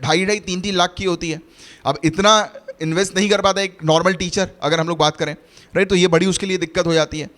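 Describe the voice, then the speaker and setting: A man's voice: high voice, fairly bright tone. A young man teaching an online exam-prep lecture in a chatty way, with fillers and frequent check-ins with his students. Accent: Hindi.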